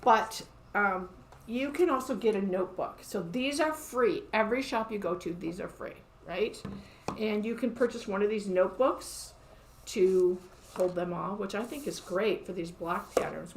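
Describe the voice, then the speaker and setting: A chatty, upbeat woman hosts a live show from her quilt shop, pitched at an everyday middle level. She talks casually and laughs often as she shows things off. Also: normal speed, a little hiss or hum.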